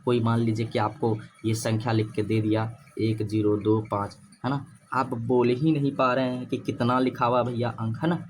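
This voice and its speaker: Guy teaching number places, mid pitch, asks then answers himself, slight noise behind. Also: level tone, normal speed. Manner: repetitive, asks and answers own questions. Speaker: maths teacher. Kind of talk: classroom-style lecture.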